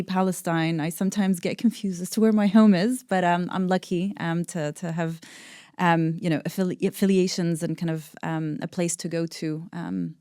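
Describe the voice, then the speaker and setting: A woman in her forties from Saudi Arabia, answering questions as a podcast guest. Her voice is smooth and clear, slightly lower than usual, and recorded close and dry. She talks thoughtfully, often pausing on ums and restarting her sentences. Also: a little mellow, no echo. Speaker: podcast guest, business founder. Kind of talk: podcast interview.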